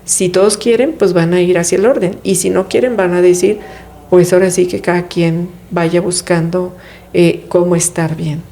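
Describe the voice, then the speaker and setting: A woman with a lowish, mellow voice speaks as an interview guest. She explains ideas in a calm, reflective way and poses rhetorical questions. A faint hiss sits under her voice. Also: normal speed. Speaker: guest speaking on family therapy. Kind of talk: conversational interview.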